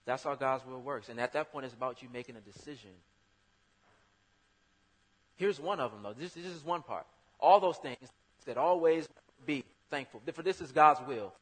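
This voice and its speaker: A man delivers a sermon in a husky voice of middling pitch. He keeps it conversational but punches key words loudly. The sound carries a long hall reverb. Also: moderate pace. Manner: conversational, with sudden loud emphatic bursts. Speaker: preacher.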